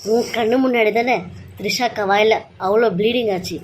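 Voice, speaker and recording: A woman's voice: on the high side, steady tone, moderate pace, slight background noise, natural voice, low-quality recording. A woman voicing a spiteful, scheming young woman of the household who sneers and makes accusations. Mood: sneering. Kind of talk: amateur serial-story voice acting.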